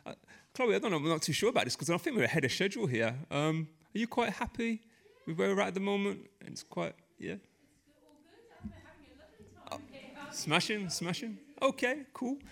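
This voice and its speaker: A man's voice: high-pitched, animated, a little slow, gravelly, long pauses, a bit bright. A young man hosting a live poetry event, chummy and rambling, hyping up the audience between acts. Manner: chummy, hypes the crowd, rambling asides. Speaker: event host.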